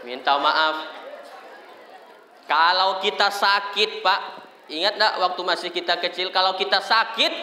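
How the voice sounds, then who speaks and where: A male preacher, joking and telling stories to a large gathering. His voice is slightly high and bright. It rings through a long hall reverb over faint ambience. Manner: storytelling, joking, shifting voices. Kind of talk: humorous sermon.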